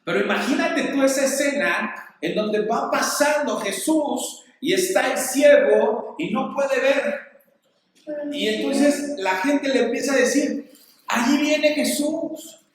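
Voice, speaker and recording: A man preaching to teenagers, animated, often asking his listeners questions. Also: very high-pitched, takes it slowly. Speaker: youth pastor. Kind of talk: sermon to teenagers. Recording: echoey room from far off.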